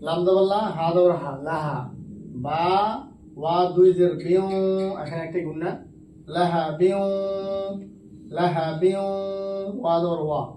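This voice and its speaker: A fairly high-voiced man with a Bangladeshi Bengali accent leads a Quran reading lesson, spelling out each letter and vowel mark in a slow, sing-song drawl. He sounds set back from the mic in an echoey madrasa classroom, with faint ambience underneath. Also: steady tone, dark tone, recorded from a distance, slight background noise. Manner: slow, drawn-out spelling of letters and vowel marks, melodic recitation.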